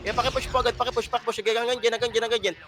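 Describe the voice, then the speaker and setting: High-pitched man rattling off rapid callouts. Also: little pitch movement, a bit bright. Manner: urgent, repeating commands in rapid bursts. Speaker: team shot-caller. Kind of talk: fast repetitive in-game callouts.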